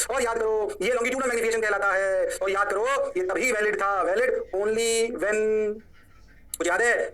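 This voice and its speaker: A male physics teacher giving a lecture in a high, bright voice. He talks energetically, asks the class questions and then answers them himself. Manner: energetic, repeats points and answers his own questions for the class. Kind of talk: online lecture.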